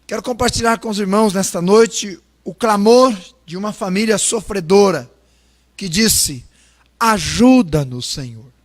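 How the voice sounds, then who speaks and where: A man from Brazil, a pastor, reading scripture and praying in a solemn, measured way that slows and swells on pleas. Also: high voice. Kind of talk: sermon with scripture reading and prayer.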